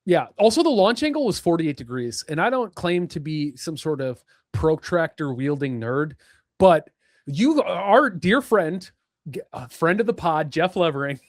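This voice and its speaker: A man's voice: on the high side, normal speed, no echo, studio quality. A young man co-hosting a sports podcast, ranting in casual chat with lots of fillers. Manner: animated, ranting, many fillers. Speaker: podcast co-host.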